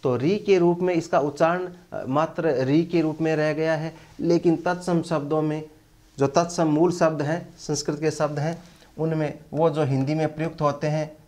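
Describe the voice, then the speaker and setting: A male Hindi grammar teacher giving an online lecture, speaking deliberately and filling his pauses with long drawn-out "a" sounds. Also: a little high, steady tone, a little mellow. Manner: slow, deliberate, with many drawn-out "a" fillers.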